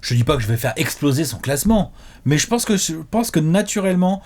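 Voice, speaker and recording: A man co-hosting a casual talk show, arguing his rankings with animated emphasis. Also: a little high, quick pace. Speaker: co-host ranking players. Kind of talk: casual debate.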